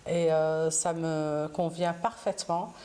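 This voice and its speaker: A woman's voice: low-pitched, fairly even intonation, slow pace, dark tone. A middle-aged woman from Lebanon, guest in an interview, answering hesitantly with many fillers. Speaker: interview guest, consular councillor.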